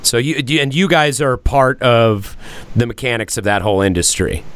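A man's voice: medium pitch, fairly even intonation, normal speed, fairly bright tone, smooth. A man hosting a podcast in a casual, profane way, often repeating words as he gathers his thoughts. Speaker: podcast host. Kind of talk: casual chat.

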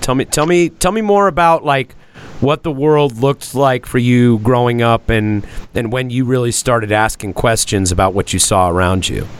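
A man's voice: mid-range voice, moderate pace, smooth. A man hosting a podcast in a casual, profane way, often repeating words as he gathers his thoughts. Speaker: podcast host. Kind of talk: casual chat.

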